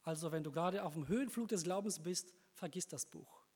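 An earnest, encouraging preacher with a fairly high voice speaks directly to his listeners. His words echo with a long reverb in a church hall. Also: fairly quick, darkish tone, slightly rough. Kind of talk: sermon.

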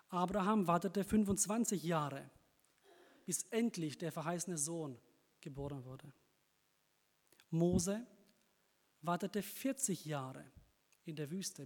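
An earnest, encouraging preacher with a fairly high voice speaks directly to his listeners. His words echo with a long reverb in a church hall. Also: darkish tone. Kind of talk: sermon.

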